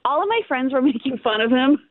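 A woman calling in to a radio show, talking in an animated, giggly rush. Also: high voice, fast talker, no room sound. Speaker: caller. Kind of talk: phone call to a radio show. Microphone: telephone. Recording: tinny phone line.

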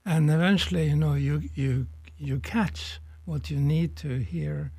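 An older man from Norway talks as a guest on a radio conversation, reflective and unhurried, pausing to search for words. His voice sits a little high for a man but sounds soft and mellow. The sound is close and dry. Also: steady tone, vocal fry, breathy edge, no room sound. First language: Norwegian. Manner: reflective, slow and searching with pauses. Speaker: guest, economics professor emeritus.

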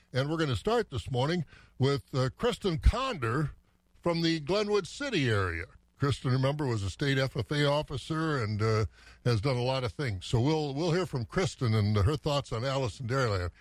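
A man's voice: a little high, dry recording. Folksy male farm radio host. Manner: folksy, easygoing, frequent "uh" fillers. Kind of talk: morning farm market report. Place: radio studio. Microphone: studio mic.

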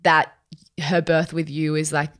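A woman's voice: sits low, level tone, unhurried, fairly bright tone. A woman hosting a podcast interview, chatting casually and praising her guest effusively, with many likes and restarts. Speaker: podcast host.

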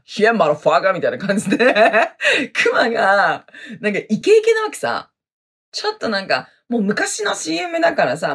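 A woman hosts her podcast alone, chatting casually and laughing easily. Her voice is a little husky, and her pitch swings widely from low mutters to high, excited bursts. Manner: chatty, laughs often, breaks into sung jingles. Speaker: podcast host. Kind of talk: casual solo chat reading listener messages.

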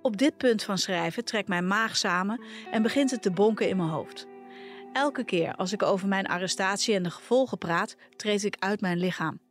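Woman calmly reading a personal story. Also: mid-range voice, normal speed, soft background music. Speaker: podcast reader.

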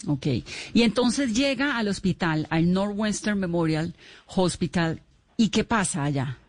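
A woman's voice: mid-range voice, animated, a little slow, no echo. A woman hosting a radio interview, asking questions and stopping to explain things for the listeners.

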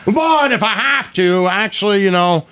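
Bright-voiced man telling stories profanely. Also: high voice, normal speed. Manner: profane, animated storytelling with acted quotes. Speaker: podcast guest. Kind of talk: casual storytelling chat.

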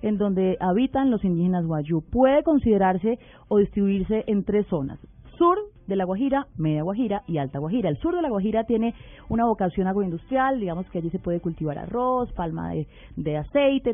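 A woman hosting a radio talk show, speaking in a measured, deliberate way and asking probing questions. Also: medium pitch, expressive, dry recording. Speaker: radio host. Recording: narrow phone-like radio sound with faint music bed.

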